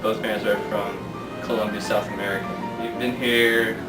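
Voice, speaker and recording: Low-voiced teen boy, distant and echoey. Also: steady tone, normal speed. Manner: casual, uses "like". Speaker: interviewee. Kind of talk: casual interview answers. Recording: distant mic, echoey room, loud music.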